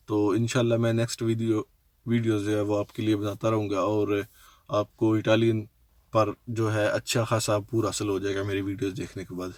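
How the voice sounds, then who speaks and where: A man's voice: lowish voice, a little mellow, no echo. A man hosting his own casual language tutorial, patiently spelling out letters one by one and leaning on fillers. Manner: leans on fillers and restarts. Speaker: language teacher, channel host. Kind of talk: casual home-made tutorial.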